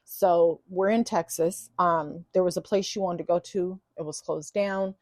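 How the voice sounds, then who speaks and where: A woman telling a personal story in a casual, chatty monologue, animated and self-teasing. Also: on the low side, measured pace, dry recording, studio quality.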